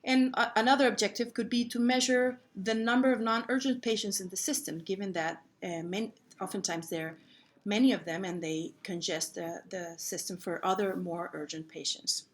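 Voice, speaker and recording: A woman presenting an instructional walkthrough of a software model, speaking haltingly with pauses in the middle of sentences. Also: mid-range voice, fairly even intonation. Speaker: presenter explaining a simulation model.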